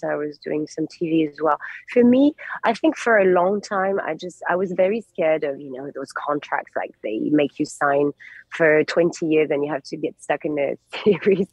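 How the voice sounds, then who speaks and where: Low-pitched and slightly rough, this French woman in her forties speaks with a blend of French and English accent, groping for words while chatting as an actress guest in a radio interview. The audio is poor but without echo.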